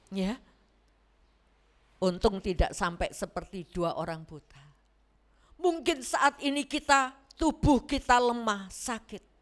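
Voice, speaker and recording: A woman preacher delivers an animated sermon in a church. Her voice sits high. She slips into the voices of the people she quotes. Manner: animated, acts out quoted voices, mixes in Javanese words.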